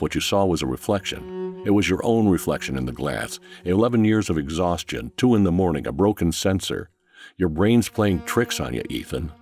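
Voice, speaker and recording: A man tells a first-person horror story with measured, tense pacing. His voice sits extremely low and has a gravelly fry to it. Faint music plays underneath. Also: darkish tone.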